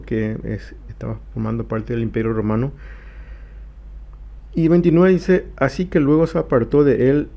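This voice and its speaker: Man teaching Bible study, lo-fi sound. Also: mid-range voice. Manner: reads scripture aloud slowly, then explains. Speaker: pastor.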